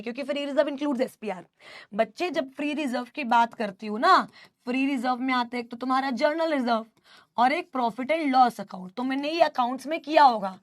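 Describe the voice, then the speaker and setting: A woman's voice: sits high, dry recording, studio quality. A young woman teaching a live online class, mixing Hindi and English, affectionate yet scolding as she answers student doubts.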